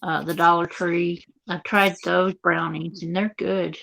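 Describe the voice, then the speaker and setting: A woman's voice: lowish voice, little pitch movement, unhurried, gravelly, fairly bright tone. A woman with some missing teeth, chatting casually as if on a live call. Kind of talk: casual chat about food and shopping. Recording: slightly dull, lo-fi call audio.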